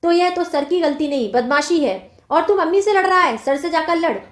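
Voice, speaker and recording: A woman reading the lines of a stern, quick-tempered adult woman who scolds firmly. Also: very high-pitched, lively intonation. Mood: scolding. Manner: scolding, firm reading of dialogue. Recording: roomy echo.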